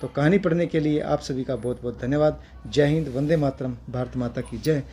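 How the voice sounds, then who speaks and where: A man narrating a family story as channel host, in a steady, earnest way. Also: medium pitch, normal speed, slight background noise.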